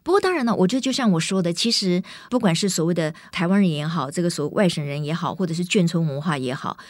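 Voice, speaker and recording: Expressive middle-aged Taiwanese woman hosting, lowish voice. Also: fast talker, dry recording, clean studio sound. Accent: Taiwanese Mandarin, carefully standard. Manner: clearly enunciated, effusive. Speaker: interview host. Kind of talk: conversational hosting.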